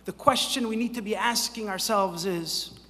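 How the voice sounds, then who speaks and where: A man, a rabbi, giving a conference keynote like a sermon, moving from quiet storytelling to ringing exhortation into a podium microphone in a large hall. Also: high-pitched, normal speed. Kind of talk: impassioned sermon-style keynote. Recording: hall reverb, faint ambience.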